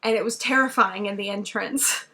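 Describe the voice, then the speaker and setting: A young woman in a casual travel vlog, chatty and excitable, packing her talk with "like" fillers as she recaps her day from a hotel room. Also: medium pitch, moderate pace. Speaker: travel vlogger.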